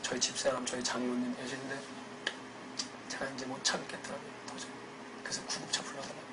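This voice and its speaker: A man, a church deacon, telling his personal faith testimony in an earnest, emotional way, going from hushed to loud. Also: medium pitch, completely flat delivery, fast, very noisy.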